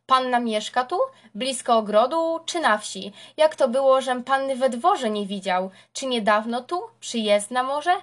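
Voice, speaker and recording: A woman's voice: high-pitched, animated, unhurried, few pauses, a bit bright. A woman voicing a young, dreamy, romantic nobleman, asking eager questions in a storybook reading. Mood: curious.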